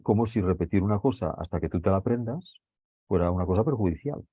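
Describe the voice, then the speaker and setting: A low, mellow male voice explains a reading to his students, stopping often to ask whether they follow. The sound is dry and a little dull, like a lo-fi classroom recording. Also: expressive, quick pace, slightly rough, dry recording. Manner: checks understanding with frequent tag questions. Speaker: teacher.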